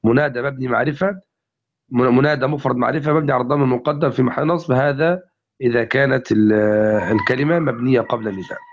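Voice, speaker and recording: A man's voice: medium pitch, fairly even intonation, fast. A male teacher giving a classical grammar lesson to a class, explaining step by step and repeating each example. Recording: dull lo-fi recording.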